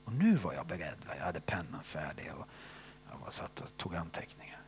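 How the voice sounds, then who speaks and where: An older man preaching a sermon and telling his own testimony, moving between loud stressed phrases and hushed whispers and often tagging questions onto his sentences. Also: deep voice, sing-song, vocal fry, a little hiss or hum.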